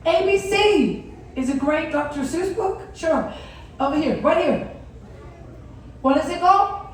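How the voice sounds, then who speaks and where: Very high-voiced woman hosting in an echoey theatre. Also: measured pace. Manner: animated, addresses children in the audience with questions and prompts. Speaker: cruise director hosting a story time. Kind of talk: interactive children's stage hosting. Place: indoor theatre on a cruise ship. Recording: very echoey theatre, distant mic, faint noise.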